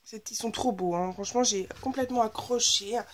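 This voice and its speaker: A woman's voice: a little high, fairly quick. A woman with a slightly blocked, nasal voice, chatting enthusiastically in a casual haul video about her new craft supplies. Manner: chatty and enthusiastic, gushing over purchases. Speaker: scrapbooking vlogger.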